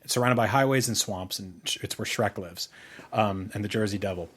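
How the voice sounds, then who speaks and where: Brisk and fairly low-pitched, with a fairly bright tone, this man co-hosts a podcast. The conversation is loose and casual as he wanders through music memories and opinions, dropping some swear words.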